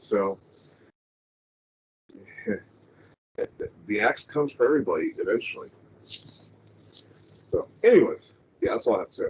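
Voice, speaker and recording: A man's voice: lowish voice, very animated, measured pace, long pauses, slightly rough. A man calling in remotely over a bad connection that keeps breaking up, talking in a loose, rambling way with many fillers. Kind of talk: casual online chat. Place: home, with others streaming nearby. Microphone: remote call mic. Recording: tinny call line with faint noise.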